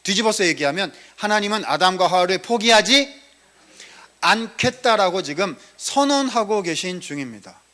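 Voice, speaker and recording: A man's voice: sits high, animated, normal speed, bright, forceful tone. A man giving a Bible teaching lecture at a seminar, asking the audience questions and answering them himself, and acting out short quoted lines. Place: seminar room.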